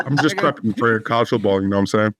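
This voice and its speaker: A man's voice: fairly low pitch, fast talker, a bit bright. A man co-hosting a podcast, debating casually in street slang with some swearing. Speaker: podcast co-host.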